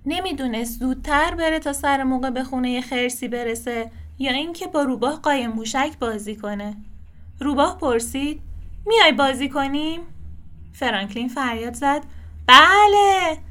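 A woman reading a children's storybook aloud in a gentle, expressive way. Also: high-pitched.

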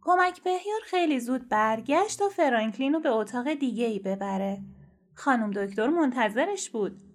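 A woman reading a children's storybook aloud in a steady, clear and gentle manner. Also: a little high.

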